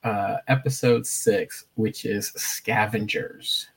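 A man's voice: lowish voice, steady tone, slow, gravelly, breathy edge, low-quality recording. A man co-hosting a podcast in casual chat, laid-back as he steers the rundown of episodes. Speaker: podcast co-host.

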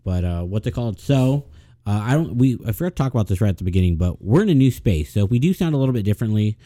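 Chill dude on a podcast, deep mellow voice, cusses a lot, lots of ums. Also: male voice, lively intonation, rapid-fire. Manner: laid-back, swears often, filler-heavy. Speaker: podcast co-host. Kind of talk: casual chat.

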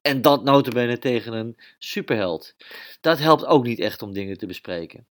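A man's voice: mid-range voice, normal speed. A man narrating a children's story, reading expressively and voicing all the characters himself.

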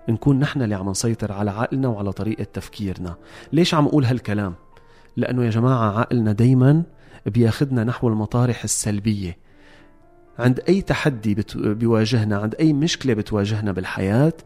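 A man speaks Levantine Arabic at a brisk clip in a mellow voice. He explains like a motivational host, instructive and emphatic, addressing his listeners directly. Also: mid-range voice. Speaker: host of a self-help series.

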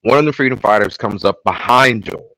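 A man's voice: fairly low pitch, brisk, no room sound, poor audio. Man animatedly retelling a show. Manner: animated retelling with acted-out quotes. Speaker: podcast co-host. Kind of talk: casual chat recapping a show.

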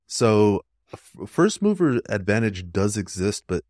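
A man's voice: lowish voice, sing-song, unhurried, darkish tone, no echo, clean studio sound. A man speaking as a podcast guest and app developer, talking casually and rambling with frequent "like" fillers.

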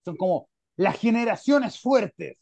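A man's voice: high-pitched, slow pace, vocal fry, no room sound. A young adult man with a Chilean Spanish accent, hosting a podcast over a video call, talking casually in long rambling runs full of fillers. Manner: rambling, filler-heavy, animated. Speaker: podcast host. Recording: dull, dry lo-fi audio.

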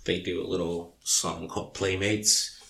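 A man's voice: deep voice, level tone, a little slow, gravelly, noisy background. Rambling man in casual podcast chat. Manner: rambling, many fillers. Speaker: podcast co-host.

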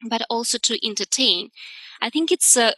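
A woman's voice: fairly high pitch, expressive, moderate pace, sharp tone, no echo. A woman from Russia, a food blogger chatting as a podcast guest, with easy laughter and loose grammar. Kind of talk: casual interview.

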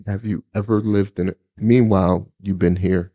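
A man's voice: deep voice, steady tone, normal speed, mellow, no room sound, highs cut off. A man from the United States co-hosting a casual chat podcast, laid-back and playful in his banter. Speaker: podcast co-host.

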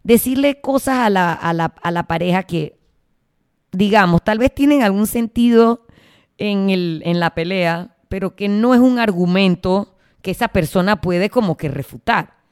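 A woman's voice: mid-range voice, a little slow, a little mellow, smooth, no echo, studio quality. A woman hosting a casual podcast monologue, chatty and slangy, acting out quoted arguments. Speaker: podcast host.

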